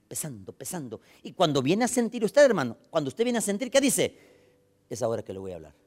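A man with a Salvadoran accent preaching a sermon, emphatic and swinging between loud and soft, often calling out to the brothers. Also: mid-range voice.

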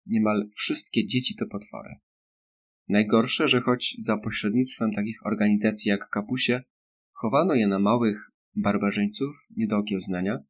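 A man narrating an audiobook in a steady, measured reading. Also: fairly low pitch. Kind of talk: scripted narration.

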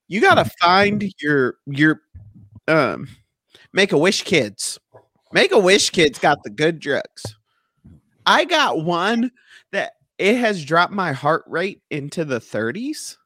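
Crude, laughing man, lively voice. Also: a little high, dry recording, clean studio sound. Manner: joking, crude, laughs often. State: on painkillers. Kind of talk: casual crude chat among friends.

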